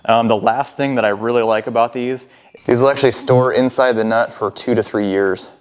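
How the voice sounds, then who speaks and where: An American man in his thirties, a foraging vlogger, talks casually and explains things on a clip-on wireless lapel mic. His medium-pitched voice is steady and clean, moving a little fast.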